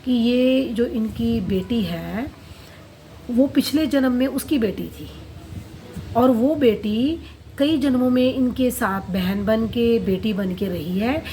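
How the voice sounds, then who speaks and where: Higher-pitched woman recounting a therapy session. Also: takes it slowly, mellow, slight background noise, poor audio. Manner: storytelling, quotes client and herself in turns. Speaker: past-life regression therapist.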